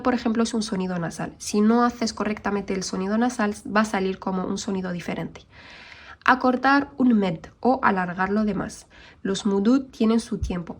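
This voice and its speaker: A woman teaching an online recitation lesson, explaining patiently and modelling Arabic sounds slowly. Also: medium pitch.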